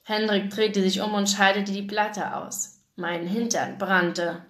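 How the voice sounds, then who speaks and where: Woman, German accent, mid-pitched, reads romance aloud with feeling; roomy echo. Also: slow. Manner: expressive first-person reading with acted dialogue. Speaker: reader of a novel. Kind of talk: live reading of a romance novel. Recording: echoey room.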